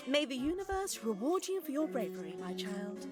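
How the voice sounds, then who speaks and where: An actress voicing an airy, new-age goddess of fate in a video game, gushing and calling everyone darling. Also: female voice, high voice, big pitch swings, fairly quick. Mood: breezy, dreamy. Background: game music.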